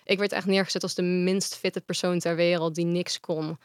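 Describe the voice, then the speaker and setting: A woman's voice: lowish voice, little pitch movement, normal speed, clean tone, dry recording, clean studio sound. A woman guest in a casual interview, speaking frankly and at length.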